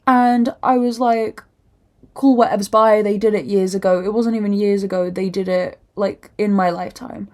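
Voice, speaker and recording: A young woman hosting a casual podcast, telling a rambling, animated story full of swearing and acting out other people's voices. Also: mid-range voice, moderate pace. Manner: acts out other people's lines in put-on voices. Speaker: podcast host.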